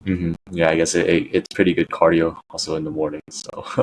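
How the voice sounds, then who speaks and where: Deep-voiced man hosting a casual podcast. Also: flat delivery, fairly quick, a little hiss or hum, poor audio. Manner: chatty, leans on "you know" fillers. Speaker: podcast host. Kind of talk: casual interview.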